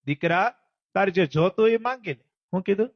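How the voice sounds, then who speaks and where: A man tells a devotional story from the pulpit, his voice pitched high for a man. He acts out the figures in the tale, lifting and dropping his voice as each one speaks. The recording is dull and lo-fi. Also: no echo. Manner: animated, voices the characters in the story with quick pitch jumps. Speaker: preacher telling a devotional story. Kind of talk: Gujarati devotional storytelling sermon.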